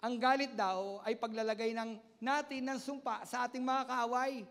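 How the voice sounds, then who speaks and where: A man preaching a sermon as pastor, emphatic and repetitive, swinging between loud and soft. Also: very high voice, fairly even intonation, normal speed, creaky. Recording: long hall reverb.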